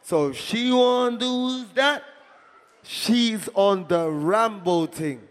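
A high-voiced man with a London roadman accent riffs as a stage comic. He repeats himself and interrupts in heavy street slang. His voice rings with the long reverb of a hall. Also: takes it slowly, clean tone. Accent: London, urban street slang. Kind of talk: rowdy comic banter on stage.

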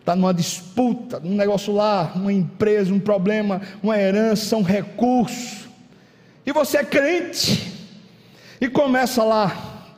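A man's voice: high voice, fairly even intonation, moderate pace, a little mellow, big-room sound. A man preaching a sermon, dramatic, firing rhetorical questions and acting out little scenes.

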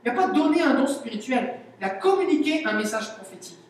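Quebec French male pastor, animated teaching sermon, very reverberant church hall, mic set back. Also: very high-pitched, fast. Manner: animated, explanatory, with everyday examples. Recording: very echoey hall, mic at a distance.

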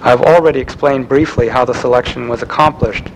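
A man reads a prepared lecture aloud at a measured pace, now and then restarting a phrase. His voice sits at an ordinary middle pitch, with a faint rumble in the background. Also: steady tone, rough recording.

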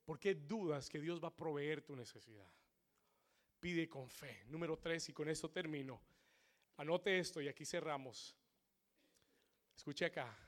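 A man preaching a sermon to a congregation, repeating his points in English and rising to shouts before dropping low and slow. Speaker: pastor. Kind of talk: bilingual sermon. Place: church sanctuary.

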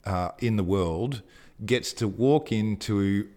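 Enthusiastic deep-voiced man. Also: slow pace, a little mellow. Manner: enthusiastic, gushing, breathless at times. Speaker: co-host. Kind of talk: casual podcast chat.

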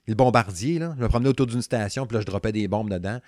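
A young man with a Quebec French accent talking casually about a video game he reviews, excitable and rambling, full of slang and restarts. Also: on the low side, fast, dry recording, studio quality. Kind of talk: casual gaming chat.

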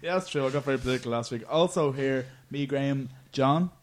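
A man's voice: mid-range voice, fast. An Irish man hosting a podcast, chatting about sport in an informal, bantering way. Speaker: podcast host. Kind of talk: casual sports chat.

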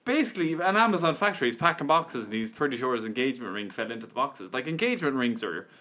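A man's voice: mid-range voice, sing-song, quick pace, bright, forceful tone. A man with an Irish accent co-hosting a podcast, chatting casually and telling loose news stories with frequent laughs. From Ireland. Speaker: podcast co-host. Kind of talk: casual chat.

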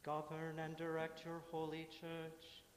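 A man intones a slow litany in a single unchanging line, his slightly high voice barely moving. Long reverb fills a large church around him, with faint ambience behind. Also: a little hiss or hum. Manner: slow, measured, monotone intoning. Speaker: worship leader. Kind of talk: chanted litany prayer. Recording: echoey hall, mic from afar.

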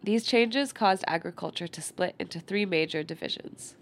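A woman reads an old textbook aloud in a soft, unhurried voice, stopping now and then to comment. Her nose is stuffy, and her voice sits fairly low with a gravelly fry. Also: a little hiss or hum. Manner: quiet, unhurried, pausing to comment on the text. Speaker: reader.

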